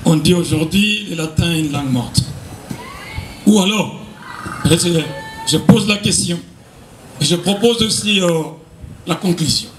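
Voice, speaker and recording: High-voiced man in an echoey room. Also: measured pace, pauses often. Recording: echoey room with noticeable noise.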